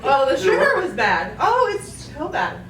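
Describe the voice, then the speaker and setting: A high-voiced woman in casual chat whose mouth is burning from spicy food, groaning and gasping as she talks. Her pitch swings widely, and she sounds distant in an echoey, noisy room. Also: huge pitch swings, measured pace, fairly bright tone. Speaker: challenge contestant, educator.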